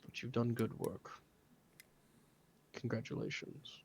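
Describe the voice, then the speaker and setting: A man voicing a stern older father who is a high church official, speaking low and measured. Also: steady tone, creaky, darkish tone, a little hiss or hum.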